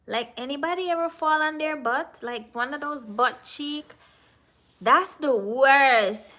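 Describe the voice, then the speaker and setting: A Jamaican woman with a Jamaican accent hosts a livestream in a bright, forceful, high-pitched voice at a moderate pace. She chats casually with viewers, teasing them and responding to their comments.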